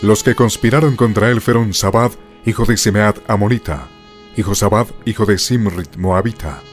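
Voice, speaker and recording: A man with a fairly low voice gives a solemn audio Bible reading. His delivery is measured and formal, as scripted scripture narration. Instrumental guitar music plays behind him.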